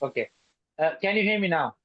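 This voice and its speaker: A man teaching an online class whose voice glitches and breaks up over a slow connection, halting and repeating himself as he checks whether students hear him. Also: a little high, expressive, dry recording. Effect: glitching, breaking-up audio from a slow internet connection. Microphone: computer or phone on a video call. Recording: dull lo-fi video call audio.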